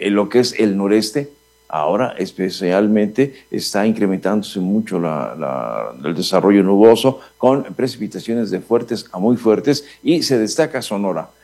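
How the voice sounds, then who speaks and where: A man with a Mexican accent, presenting a weather forecast over satellite images in a steady, explanatory way. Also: on the low side. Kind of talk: weather report.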